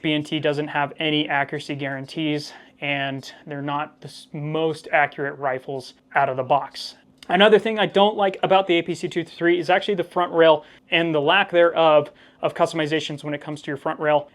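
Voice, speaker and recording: A man with a slightly high voice talks as a casual reviewer speaking to viewers. He is critical yet measured, explaining drawbacks conversationally and leaning on key words. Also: a bit bright. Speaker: firearm reviewer, host.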